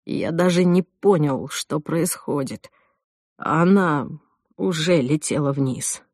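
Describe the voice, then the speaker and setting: A woman reading an audiobook voices a shaken young groom, speaking low and haltingly. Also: animated, darkish tone, no echo, clean studio sound, heavily acted. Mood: guilty. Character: shaken young groom, guilt-ridden and soft-spoken.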